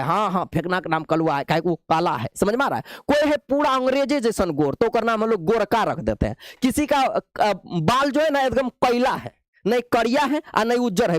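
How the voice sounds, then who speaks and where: Lively male teacher. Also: high voice, dry recording. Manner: playful, repetitive, coaxing students with "babu". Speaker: chemistry teacher. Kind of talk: classroom lecture.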